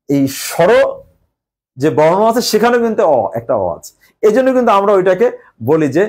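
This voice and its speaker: A male teacher explaining a grammar lesson step by step, pausing often with hesitations. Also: sits high, darkish tone.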